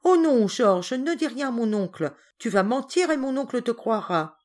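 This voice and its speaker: A woman voicing a gentle, soft-hearted little girl who speaks earnestly and pleads. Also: lowish voice, animated, unhurried. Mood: pleading.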